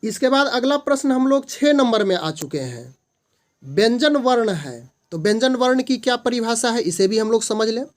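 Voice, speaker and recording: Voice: medium pitch, sing-song, moderate pace. A tutor explaining multiple-choice grammar questions, patiently repeating definitions and sounding out single letters and syllables one at a time. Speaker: online tutor.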